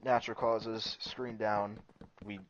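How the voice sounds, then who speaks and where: An adult man, a streamer's friend, chats casually during a gaming stream in a deep, growly, monotone voice at a slow pace. He rambles, swears, and laughs often, and his headset audio is muffled and lo-fi.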